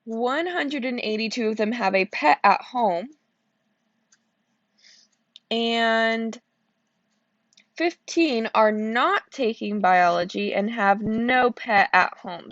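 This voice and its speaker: Tired lady teacher explaining math step by step, slightly gravelly, flat dull sound. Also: on the high side, slow, dry recording. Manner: explains step by step, checking in with "okay?". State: sleepy, yawning. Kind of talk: recorded classroom lesson walkthrough.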